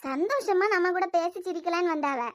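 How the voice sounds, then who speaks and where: A woman's voice: extremely high pitch, normal speed. A woman voicing a blunt, prying aunt in a cartoon, nagging in a Kanyakumari Tamil accent. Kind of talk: cartoon voice acting.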